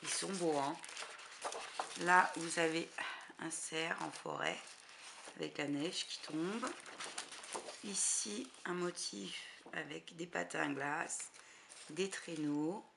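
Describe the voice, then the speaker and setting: Slow, gravelly-voiced woman showing craft supplies. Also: low voice. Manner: hesitant, many "euh" fillers. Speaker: crafting vlogger. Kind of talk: casual haul video chat. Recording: noisy background hiss.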